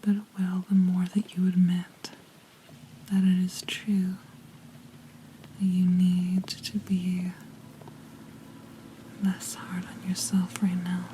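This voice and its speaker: A woman whispering a gentle, reassuring ASMR pep talk up close to the microphone, pausing mid-sentence in a soft, breathy unvoiced whisper. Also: fairly low pitch, monotone, a little hiss or hum, poor audio. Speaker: ASMR host.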